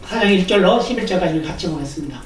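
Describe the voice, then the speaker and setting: A pastor giving a sermon, reading scripture slowly and acting out quoted lines. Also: female voice, fairly low pitch, lively intonation, crowd noise. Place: church sanctuary. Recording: echoey church room from far off.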